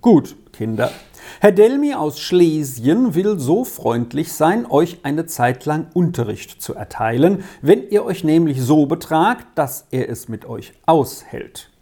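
A storybook reader voicing a hearty rural official introducing his children in a brisk, formal way. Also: mid-range voice, very animated, dark tone, husky, exaggerated voice.

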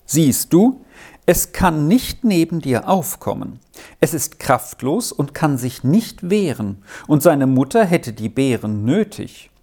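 An earnest old grandmother from a storybook, speaking softly and thoughtfully as she admonishes, put on by a reader. Her voice moves lively in pitch, but she never hurries. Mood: gentle, admonishing. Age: over 60. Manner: soft, admonishing, slow and thoughtful. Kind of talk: storybook reading.

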